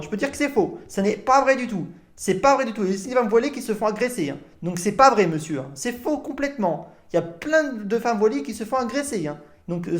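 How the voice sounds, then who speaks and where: Reaction host, indignant and repetitive, mid pitch, argues with the clip on screen. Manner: repetitive, indignant, swears a lot.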